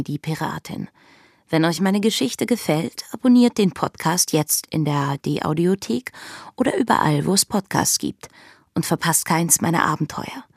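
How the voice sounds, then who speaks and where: An actress playing a bold, brash young pirate woman in an audio drama, with a spirited, commanding manner. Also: low voice.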